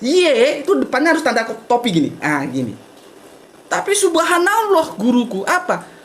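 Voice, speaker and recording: A man's voice: very high voice, huge pitch swings, normal speed, a bit bright. A man giving a blunt, outspoken casual talk to an audience, often tagging sentences with "gitu loh". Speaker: invited speaker at a religious discussion.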